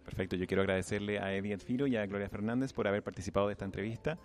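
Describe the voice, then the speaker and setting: At an embassy cultural celebration, a radio interviewer with a lowish voice talks very fast, posing polite questions and restarting slightly now and then. Music blares in the background of the recording.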